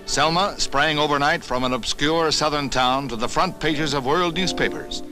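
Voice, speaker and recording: A man narrating an old 1960s newsreel in a formal, measured announcer's delivery. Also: fairly high pitch. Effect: old newsreel voice-over. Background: music score under the narration.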